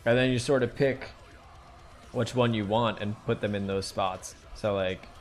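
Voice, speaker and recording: Male streamer, lowish voice, rambling drawing tips with fillers, quiet music bed. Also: steady tone, unhurried. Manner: rambling, thinks aloud with fillers. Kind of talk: casual live-stream drawing lesson.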